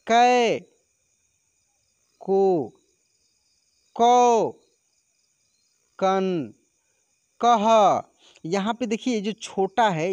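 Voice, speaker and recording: A man teaching a lesson, patiently explaining and then reciting syllables one by one, saying one softly and the next with force. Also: sits high, dry recording, clean studio sound. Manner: patient, repeats syllables with alternating soft and forceful stress.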